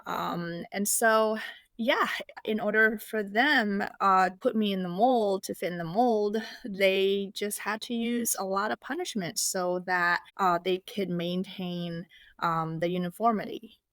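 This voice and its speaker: A woman's voice: mid-range voice, unhurried, fairly bright tone, dry recording. A woman from Indonesia, a podcast guest, speaking casually with many fillers and restarts. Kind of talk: casual interview.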